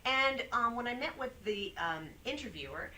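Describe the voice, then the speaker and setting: A woman's voice: fairly high pitch, normal speed, distant mic, a little hiss or hum, low-quality recording. A woman voice-over artist, a guest on a talk show, chatting casually and acting out the quotes in her stories. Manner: animated storyteller, acts out quotes. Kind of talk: casual interview chat.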